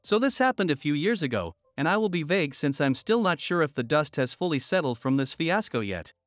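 A man narrating workplace and army stories in a steady scripted storytelling voice, lightly voicing the people in them. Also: on the high side, brisk, dry recording, faint music behind.

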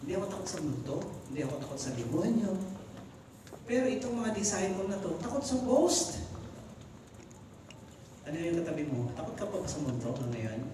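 A man preaching a sermon to a congregation, animated and switching between Tagalog and English. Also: on the high side, fairly quick, pauses often, noisy background. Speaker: pastor. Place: church hall. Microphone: recorded from the congregation. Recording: echoey hall, far from mic.

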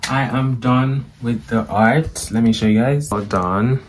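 A young man in casual vlog chat, relaxed and chatty, filling his talk with likes and you-knows. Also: mid-range voice, measured pace. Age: young adult. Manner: relaxed, chatty, uses lots of fillers. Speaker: vlogger. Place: indoors at home and at a campus library.

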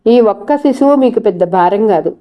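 A woman voicing a sympathetic woman doctor who is calm and persuasive. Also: medium pitch, moderate pace, muffled recording, natural voice. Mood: gentle persuasion. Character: sympathetic childless woman doctor, gently firm.

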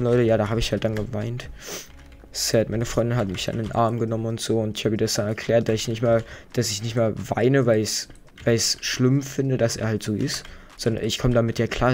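A man's voice: mid-range voice, a little mellow, a little hiss or hum. Slangy young man chatting while gaming. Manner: slangy, rambling, chatty with many fillers. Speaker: let's play host. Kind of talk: casual gaming commentary while storytelling.

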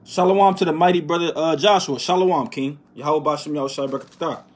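A man giving an informal Bible lesson, reading verses slowly and with emphasis, then dropping to a quiet "man" or "right?" after each point. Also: fairly high pitch. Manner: reads verses slowly and loudly, tags lines with "right?" and "man". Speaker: bible teacher. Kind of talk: informal scripture teaching.

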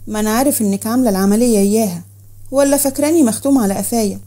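A hot-tempered Egyptian man with a harsh, mocking bite, put on by a woman reading a story. The delivery is rapid and husky, with a mellow, rather dark tone. He snaps his lines out curtly in a storybook recording. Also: a little high, natural voice. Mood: contemptuous. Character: hot-tempered young man, blunt and scornful. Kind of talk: storybook narration.

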